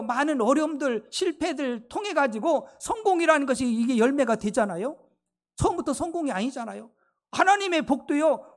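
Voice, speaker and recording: A woman pastor preaching a sermon with fervor, sprinkling in blessings and hallelujahs, her voice swinging between loud rises and soft drops. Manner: fervent, with repeated blessings and hallelujahs; sweeping rises and drops in pitch and loudness.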